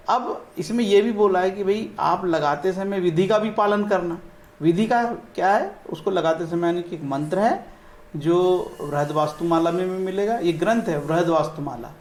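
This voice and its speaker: A man with a notably high-pitched voice gives an informal spoken lesson from old texts. He talks in an easygoing, chatty way, mixing in English words and pausing to chant verses slowly. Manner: conversational, slips in English words, often says "ठीक है". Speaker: astrologer teaching from scriptures.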